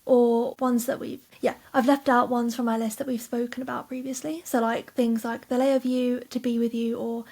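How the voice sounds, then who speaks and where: A woman's voice: a little high, flat delivery, normal speed, few pauses, warm tone. A woman co-hosting a podcast, chatting casually and recapping book plots at length. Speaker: podcast co-host. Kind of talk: casual chat about books.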